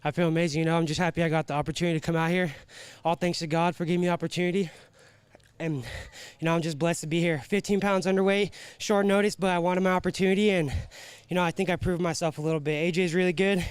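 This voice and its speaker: A humble young man in his twenties, an athlete who sounds grateful after his match. He speaks quickly in a crisp voice, pitched slightly high, and the sound is dry. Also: little pitch movement, dry recording. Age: 20s.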